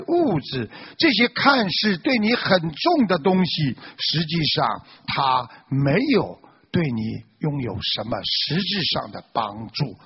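A man's voice: fairly high pitch, husky. A man preaching a moral sermon, exhorting listeners and telling a fable. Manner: animated, exhorting. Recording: dull lo-fi recording.

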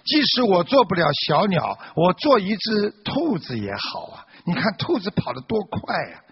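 A man's voice: sits high, wildly swooping pitch, normal speed, husky, pitched above the performer's own voice, full character voice. A man voicing a turtle that complains about its heavy shell. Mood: wistful. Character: grumbling turtle that hates its shell. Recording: dull lo-fi recording.

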